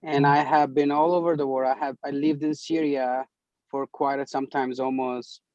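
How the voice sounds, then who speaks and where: A man's voice: mid-range voice, darkish tone, no room sound, dull audio. A man in his thirties from Turkey, a restaurant owner who talks earnestly and eagerly about his food in a casual interview.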